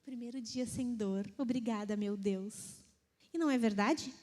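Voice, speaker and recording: A Brazilian woman giving a lively, casual sermon to a women's group, often mimicking complaining voices. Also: fairly high pitch, normal speed. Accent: Brazilian Portuguese. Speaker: women's ministry speaker. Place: church hall. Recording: long hall reverb.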